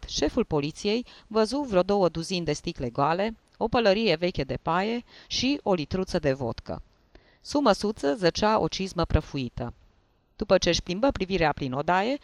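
Un bărbat care citește cu voce tare o povestire, în ritm măsurat, coborând glasul la finalul frazelor. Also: male voice, high-pitched, dry recording. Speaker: narrator. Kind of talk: reading a story aloud.

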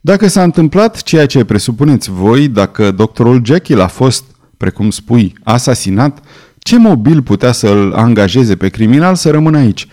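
A man voicing a doubtful gentleman lawyer who speaks in a calm, measured, reasoning way in an audiobook. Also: mid-range voice, natural voice. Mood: skeptical. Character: skeptical, pale gentleman lawyer, middle-aged.

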